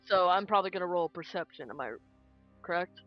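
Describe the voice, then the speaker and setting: A tabletop game player casually narrating a character's moves in the third person, with deliberate, hesitant phrasing. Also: medium pitch, lively intonation. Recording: dull audio, music underneath.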